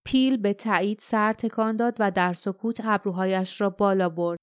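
A woman narrating an audiobook in a calm, measured storytelling manner, close to the microphone. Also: mid-range voice, clear, resonant tone, no echo.

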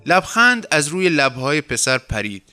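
A man narrating a translated short story in a measured literary reading. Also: fairly high pitch, sing-song, over music. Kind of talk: scripted audiobook narration.

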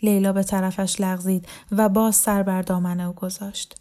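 A woman narrating a novel as an audiobook reader, in an even, unhurried storytelling manner. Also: medium pitch.

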